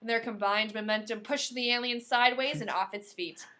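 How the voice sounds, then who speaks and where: A woman with a fairly high voice reads fiction aloud on her podcast in an expressive audiobook style, moving fairly quickly. Playful by nature, she drifts easily into casual joking asides.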